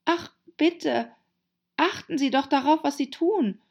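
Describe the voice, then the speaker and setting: Brief: woman playing a small, polite girl for an audiobook, pitched much higher, shy and courteous. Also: very animated, a little slow, creaky, darkish tone, husky, lo-fi sound, heavily acted. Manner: shy and polite, eager to show off knowledge. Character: polite, timid little girl, Alice. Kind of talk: audiobook character voice.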